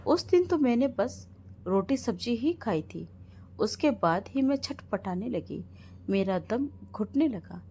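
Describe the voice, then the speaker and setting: A woman's voice: a little high, animated, slow, mellow, a little hiss or hum. A woman voicing a wronged older mother-in-law, posing as a vengeful ghost, who accuses and threatens in a storybook tale. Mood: menacing. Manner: menacing, accusing.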